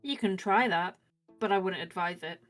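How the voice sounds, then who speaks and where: Woman, tabletop player, bright forward voice, casual banter, in-character lines, faint music. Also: fairly low pitch, normal speed. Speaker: player in a tabletop role-playing game.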